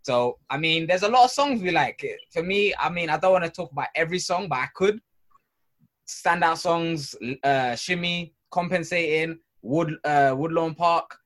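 A man's voice: a little high, moderate pace, a bit bright. A man chatting casually as a podcast co-host, slangy and emphatic, repeating his phrases. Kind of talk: casual album review chat.

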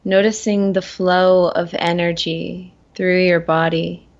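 A woman leading a guided meditation in a gentle, soothing manner, slowly and with long pauses. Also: lowish voice, little pitch movement, highs cut off. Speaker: guest guiding a meditation.

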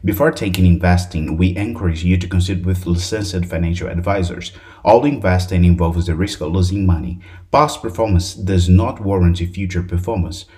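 A man's voice: sits low, moderate pace, hardly any pauses, a little mellow. A man who hosts a podcast, reading a scripted legal disclaimer in a formal, emphatic manner. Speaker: podcast host.

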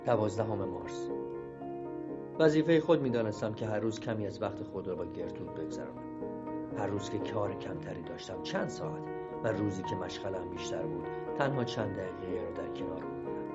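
Man, audiobook narration, low voice, measured and steady, dull lo-fi sound, music underneath. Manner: measured, steady storytelling read. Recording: dull lo-fi recording with music beneath.

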